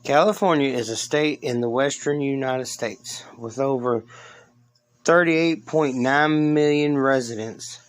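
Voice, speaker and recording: A man reading scripted narration as a podcast host, with casual asides and halting stumbles that he corrects. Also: medium pitch. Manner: halting, stumbles over words and corrects himself.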